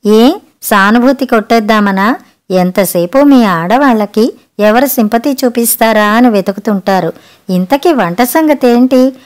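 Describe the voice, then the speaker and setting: A woman's voice: on the high side, measured pace, close to an everyday voice. A woman voicing a demanding middle-aged husband who keeps asking for special food in a storybook reading. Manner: demanding, grumbling.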